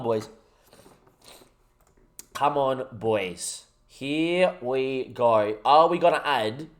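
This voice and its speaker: On a live stream, a young gaming streamer with a medium-pitched voice plays through his football management game. He's excitable and chatty with his chat, hyping himself up with rallying talk.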